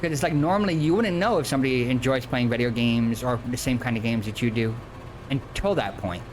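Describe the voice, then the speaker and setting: Streaming a game, an early-forties man keeps up loose, informal chatter in a mid-range voice that runs a little fast. There's noticeable noise in the background.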